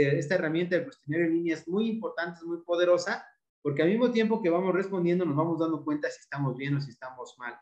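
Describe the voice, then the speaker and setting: A man with a Mexican accent explains an exam-prep lesson step by step, going back over his key points. His voice sits a bit high for a man. The room around him rings with echo. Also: muffled recording. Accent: Mexican Spanish. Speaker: teacher.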